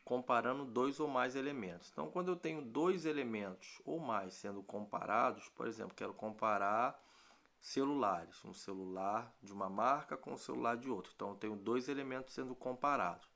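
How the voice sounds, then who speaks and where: A middle-aged Brazilian man teaching an English grammar lesson in Portuguese, patient, repeating points and often checking with a quick question. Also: medium pitch, vocal fry, fairly bright tone. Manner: slows down to spell out English terms. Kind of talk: recorded online grammar lesson.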